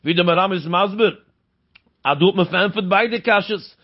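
A man's voice: high-pitched, moderate pace. A man works through a Talmud passage in a sing-song teaching cadence. He keeps posing rhetorical questions and answering them himself. The recording sounds dull and lo-fi. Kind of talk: Talmud study lecture.

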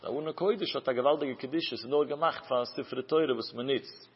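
A man giving a Talmud study lesson in a chanting singsong cadence, his pitch rising and falling through each phrase. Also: brisk, slightly rough. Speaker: Talmud teacher. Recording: muffled, dull recording with long hall reverb.

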